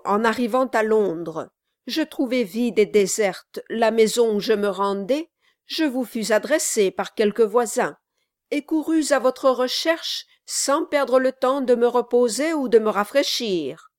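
A woman playing a stern gentleman in an audiobook who presses his accusations with indignation. The delivery is slow and deliberate. It is recorded close with no room sound. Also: fairly high pitch, no echo, close to an everyday voice. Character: stern, exasperated gentleman traveller. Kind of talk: audiobook reading.

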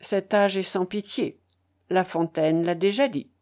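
A woman reading a classic novel aloud as narrator, with expressive, dramatic storytelling. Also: fairly low pitch, unhurried. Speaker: audiobook narrator.

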